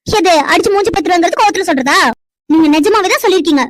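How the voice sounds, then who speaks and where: A woman voices a young cartoon woman with a very high, bright voice. She talks extremely fast in quick, indignant retorts. The sound is dry and close. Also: dry recording. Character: young woman Vino, quarrelsome fiancée. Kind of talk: cartoon dubbing.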